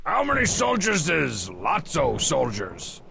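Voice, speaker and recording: Gravelly, high-strung cartoon tough guy. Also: wildly swooping pitch, slow, pushed and bright, slight background noise, exaggerated voice. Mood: exasperated. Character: cocky, scheming, exasperated small male cartoon tough guy. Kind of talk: cartoon video game voice acting.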